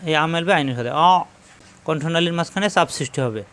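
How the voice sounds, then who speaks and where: A man with a fairly high, smooth and clear voice leads a recitation lesson. He explains each point slowly, then chants the verses with long, drawn-out notes. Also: a bit bright. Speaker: Quran teacher.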